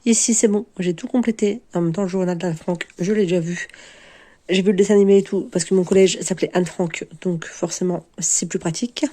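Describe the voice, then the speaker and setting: A woman's voice: on the low side, fairly even intonation, a little fast, warm tone. A woman in her forties from France, chatting casually to camera in a rambling, self-mocking way with many hesitations. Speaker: book vlogger.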